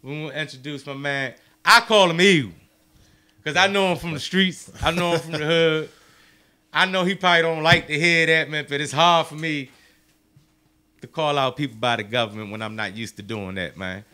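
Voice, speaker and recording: A man with a big, slightly high, clear and resonant voice hosts a casual live show at normal speed. He talks loudly and keeps sprinkling "man" into his speech.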